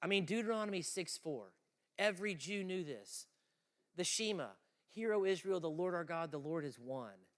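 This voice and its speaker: A man preaching an animated lecture to students, emphatic, swinging from loud exclaiming to quiet asides. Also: sits high, moderate pace.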